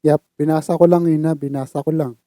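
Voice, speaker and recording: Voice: mid-range voice, steady tone, fast talker, dark tone, no echo. A person with a Filipino accent casually reacting to funny clips as host, trying not to laugh and sometimes chuckling.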